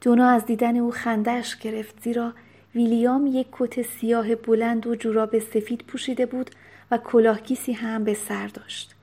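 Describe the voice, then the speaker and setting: A woman narrating a novel aloud in a calm, measured storybook reading. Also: on the high side. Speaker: audiobook narrator.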